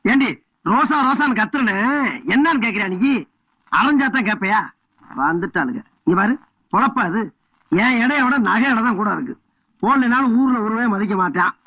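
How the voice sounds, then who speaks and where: A man's voice: high-pitched, lively intonation, moderate pace, pauses often, dry recording. A blustering village headman. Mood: bickering. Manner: quarrelsome, repeats himself. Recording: dull film soundtrack.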